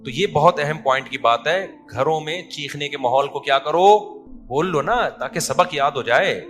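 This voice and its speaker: Bright-voiced preacher. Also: male voice, on the high side, soft background music. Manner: lively, acting out voices in anecdotes. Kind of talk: sermon.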